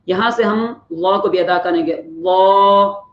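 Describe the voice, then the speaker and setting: A tajweed teacher giving a Quran pronunciation lesson, patiently explaining and stretching out each letter sound to demonstrate it. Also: mid-range voice. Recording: roomy, slightly dull lo-fi recording.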